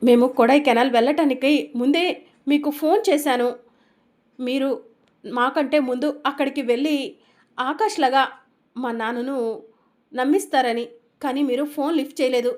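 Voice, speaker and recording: A frustrated young woman who scolds sharply, read out by a woman narrator. Her voice is high. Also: steady tone, moderate pace, pauses often, darkish tone, close to an everyday voice. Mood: exasperated.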